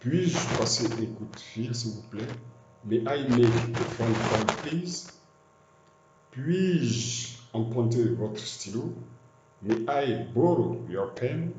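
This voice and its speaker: Slow, deliberate man teaching English. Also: medium pitch, darkish tone, echoey room, a little hiss or hum. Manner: slow, deliberate, repeats each phrase in two languages. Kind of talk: slow bilingual language lesson.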